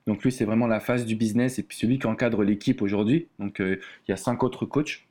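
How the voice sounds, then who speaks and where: A man's voice: fairly low pitch, a little fast. A man from France, a relationship coach, talking casually as an interview guest with plenty of fillers and restarts. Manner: relaxed, chatty, many fillers and restarts.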